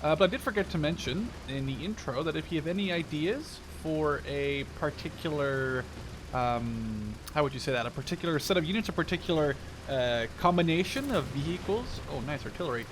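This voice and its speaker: A Dutch gaming video host in his twenties, based in Canada, speaks briskly in a higher-pitched voice with lively intonation. His gameplay commentary is casual, chatty and playful, often thinking aloud, while tank game sounds and vehicle noise play behind his voice.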